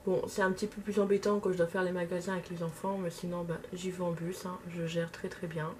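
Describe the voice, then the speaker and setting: Brief: young woman vlogger with a slight lisp, halting casual chat, faint noise behind. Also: fairly low pitch, little pitch movement, darkish tone. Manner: hesitant, many fillers. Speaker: makeup vlogger. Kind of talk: casual talk while doing makeup.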